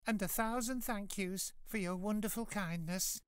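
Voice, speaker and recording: A man's voice: high voice, normal speed, clear, resonant tone, no room sound, studio quality, voice pushed up, close to an everyday voice. Man putting on a meek young storybook heroine. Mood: grateful. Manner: soft, hesitant, polite. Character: gentle kind young woman, meek and wistful.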